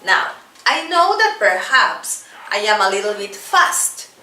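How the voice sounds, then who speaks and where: A woman teaching English online, reciting short rhymes slowly and clearly for her students to repeat. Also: medium pitch, sing-song, bright, forceful tone, reverberant, recorded from a distance, slight background noise. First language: Spanish. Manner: slow, deliberate recitation of rhymes for repetition.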